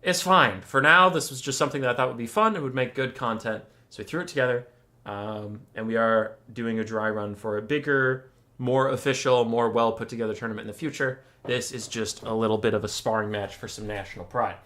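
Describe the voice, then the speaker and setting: This tournament caster's mid-range voice is sharp in tone, fairly even, and a little quick. Camera off and on a desk mic, he makes rambling small talk on stream before casting, poking fun at himself and cursing casually.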